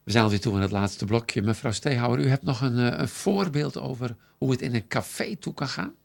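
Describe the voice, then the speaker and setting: Gravelly male radio host. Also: medium pitch, a little fast. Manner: announcing links and questioning a guest. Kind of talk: radio presenting.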